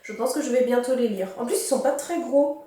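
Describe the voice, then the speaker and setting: A woman's voice: a little high, brisk, warm tone. Chatty young woman in an echoey room. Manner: chatty, rambling, many fillers. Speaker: book vlogger. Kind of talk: casual book haul chat.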